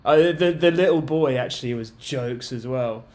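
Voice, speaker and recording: A man's voice: mid-range voice, normal speed, a little mellow. Rambling man on a video call. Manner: rambling, retells scenes with many fillers. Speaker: film review panelist. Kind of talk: casual roundtable chat.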